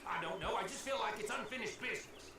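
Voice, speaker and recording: An actor playing a gruff, aggrieved American outlaw cowboy with a rough drawl in a video game. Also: male voice, high voice, quick pace. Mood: disgruntled. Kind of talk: dramatic video game acting. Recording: distant, roomy, noisy game audio.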